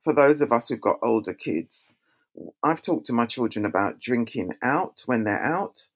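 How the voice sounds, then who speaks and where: A middle-aged woman speaks at normal speed in a rumbling low, slightly rough voice. Addressing community and youth safety, this community speaker tells stories animatedly and acts out her own reactions along the way.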